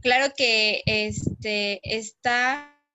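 A Mexican woman giving a talk, pausing often with fillers. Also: a little high, fairly even intonation, bright, forceful tone, smooth, rough recording. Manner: hesitant, many fillers. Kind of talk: presentation.

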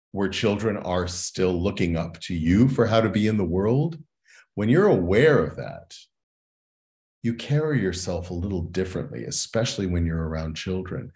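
Low-voiced male guest, an earnest educator, unhurried and reflective. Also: darkish tone. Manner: earnest and reflective, often adds "right?". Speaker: educator and consultant, interview guest. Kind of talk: interview conversation.

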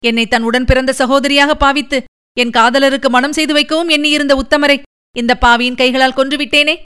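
A woman's voice: high voice, fairly even intonation, a little fast, pushed and bright. A woman reading as Manimekalai, a pleading young noblewoman. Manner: tearful, pleading, emotional. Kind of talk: audiobook reading.

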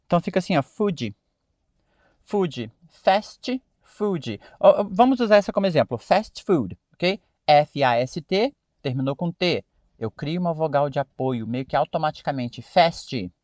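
A man's voice: on the high side, dry recording. A man from Brazil with a Brazilian Portuguese accent, teaching an English pronunciation lesson online and talking straight to his viewers, often checking in with "ok?". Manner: lively, addresses viewers directly, keeps asking "ok?".

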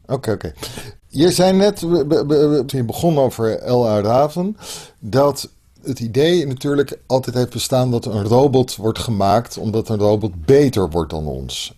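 Man, interviewer, mellow voice, curious, short questions and acknowledgements. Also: mid-range voice, normal speed. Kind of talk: conversational interview.

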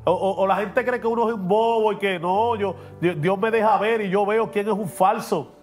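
Pastor for a preaching podcast, high voice, emphatic, faint music underneath. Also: male voice, fairly even intonation, moderate pace. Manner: emphatic and preachy, drops English words in. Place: podcast studio.

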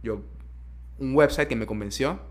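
A man's voice: mid-range voice, moderate pace. A young man with a Panamanian accent, casually telling personal stories as a guest, with slang and English words mixed in. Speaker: interview guest.

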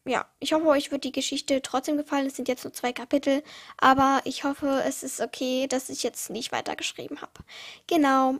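Reading her own short stories for a podcast, a teenage girl speaks in a high voice with fairly even intonation and a moderate pace. Small slips and restarts make her delivery uneven.

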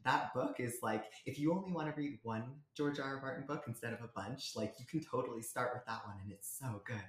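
A woman's voice: extremely low pitch, brisk, roomy sound. A woman author, a guest on a podcast, chatting enthusiastically. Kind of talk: casual chat.

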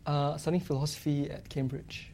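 Relaxed Singaporean man, casual chat. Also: fairly high pitch, moderate pace, a little hiss or hum. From Malaysia. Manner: relaxed, often trailing off with "lah". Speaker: guest cartoonist.

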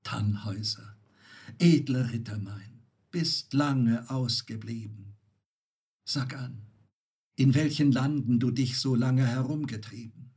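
A man voicing a tender female goddess of love, recited gently as poetry. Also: medium pitch, takes it slowly, slightly rough. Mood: coaxing. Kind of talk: poetry reading.

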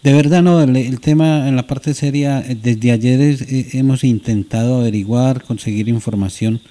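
A man's voice: medium pitch, fairly even intonation, normal speed, mellow. A man, a sports radio reporter talking earnestly and emphatically.

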